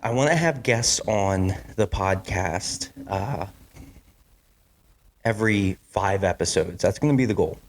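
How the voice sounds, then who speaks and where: A man's voice: lowish voice, measured pace, a little hiss or hum. A man hosting his own podcast from a home basement studio, talking casually, apologizing often and restarting his sentences. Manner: chatty, apologetic, with many fillers and restarts. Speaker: podcast host. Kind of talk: casual solo podcast talk. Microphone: studio microphone.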